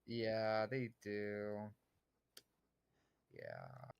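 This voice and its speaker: A male streamer in casual gaming chat, relaxed and hesitant, often repeating words. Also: lowish voice, very slow, gravelly, dull audio, crowd noise.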